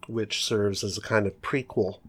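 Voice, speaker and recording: Low-voiced man hosting a podcast. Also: steady tone, normal speed. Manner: steers the talk, brief asides. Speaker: podcast host. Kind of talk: casual podcast chat.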